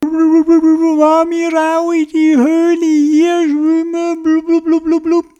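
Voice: extremely high pitch, monotone, slow, warm tone, voice pushed up. A storyteller voicing a small diver who is trying to talk underwater, the words garbled by bubbles. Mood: excited.

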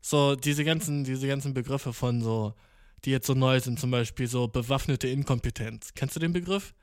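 A man's voice: medium pitch, normal speed, no room sound. Slangy young man, dry sound. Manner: slangy, ironic, rambling, mixes English words. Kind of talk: casual monologue to camera.

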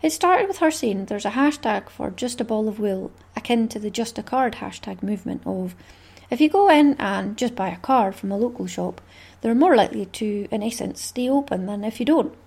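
Husky-voiced Scottish woman chatting. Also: medium pitch, lively intonation, moderate pace, hardly any pauses, a little mellow. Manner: chatty and rambling, with small laughs. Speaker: craft podcast host. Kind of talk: casual solo podcast chat.

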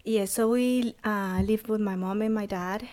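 This thirty-something woman from El Salvador gives her personal testimony on a podcast in a halting way, full of pauses and false starts. She speaks with a Salvadoran Spanish accent in a steady, slightly mellow voice of medium pitch.

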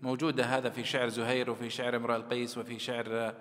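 A man's voice: mid-range voice, level tone, rapid-fire, fairly bright tone, long reverb tail. A man teaching a class on Quran commentary, explaining words at length and reciting classical verses and poetry. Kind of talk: classroom lecture.

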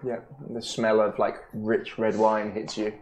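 A woman narrating as game master, halting with frequent ums. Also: rumbling low, little pitch movement, darkish tone, a little hiss or hum.

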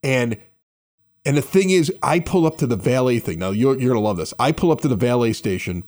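A man's voice: mid-range voice, fairly quick. A man telling a long story in casual chat at a basement bar, acting out the people in it as he goes. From Chicago area. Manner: animated storyteller, acts out quoted people. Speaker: podcast host.

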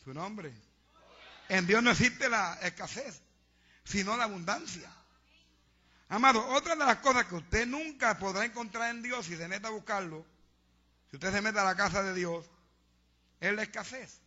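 A man preaches with fervor, calling out to the congregation and urging them on. His voice sits high and cuts through, sharp and bright. The recording is dull and lo-fi. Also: normal speed, long pauses. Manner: fervent, exhorting, preaching to a congregation. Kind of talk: sermon. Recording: dull lo-fi sound.

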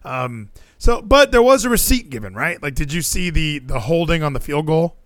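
A man's voice: a little high, animated, moderate pace, a bit bright, no room sound. A man co-hosting a podcast, chatting casually and animatedly about a football game, with a lot of fillers and swearing. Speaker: podcast co-host. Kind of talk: casual sports chat.

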